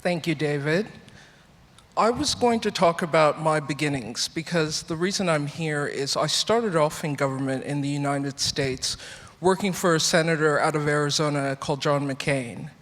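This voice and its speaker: A woman's voice: sits low, normal speed. A woman, a tech entrepreneur on a panel, introducing herself on a theatre stage in an earnest, reflective way. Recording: theatre hall reverb.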